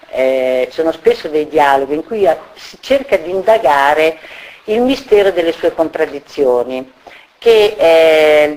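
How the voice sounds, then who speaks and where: Book launch presenter, halting, filler words, mid-pitched voice. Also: rough recording. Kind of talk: introducing a reading at a book launch.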